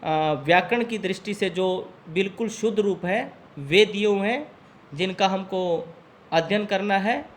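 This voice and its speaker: A man teaching a spelling lesson to exam students, saying each word slowly and repeating it with care. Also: sits high, a little hiss or hum. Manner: slow, deliberate, spells words out and repeats them.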